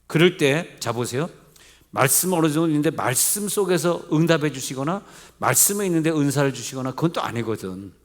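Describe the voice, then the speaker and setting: Man preaching, questioning and joking. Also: mid-range voice. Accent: Seoul Korean. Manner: conversational preaching, asks the congregation questions; mixes polite and plain speech, jokes lightly. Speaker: pastor. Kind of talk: sermon at a midweek service. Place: church sanctuary.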